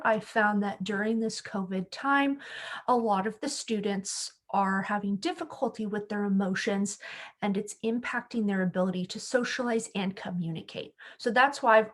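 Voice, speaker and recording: A young adult woman, a school speech-language pathologist, explaining a form step by step in a friendly, steady way. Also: fairly high pitch. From California. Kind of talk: screen-share tech tutorial.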